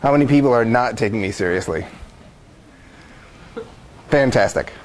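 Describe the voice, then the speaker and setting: A man teaching a university class in a middle-pitched voice. He lectures methodically, stacking up his points one after another. His tone is explanatory and steady. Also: moderate pace. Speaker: university professor.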